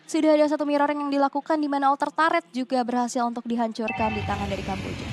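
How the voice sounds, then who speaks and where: A woman's voice: high voice, little pitch movement, racing, slight background noise. A woman with an Indonesian accent commentating as an esports caster, narrating the play urgently in long running sentences. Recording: music behind the voice.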